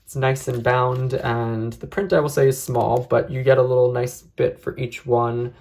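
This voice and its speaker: A person giving a casual, unscripted review in a measured, reflective way, often hedging opinions. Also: mid-range voice, level tone, creaky, darkish tone. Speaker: tarot deck reviewer.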